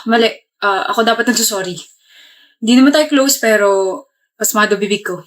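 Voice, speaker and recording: A woman playing a blunt, teasing young man in a comedy skit, with a deadpan manner. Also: mid-range voice, moderate pace, lightly acted.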